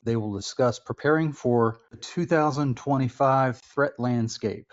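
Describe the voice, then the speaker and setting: A man's voice: mid-range voice, a little slow. A man hosting a webinar series, reading a formal introduction. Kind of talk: scripted webinar opening. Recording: slightly dull audio.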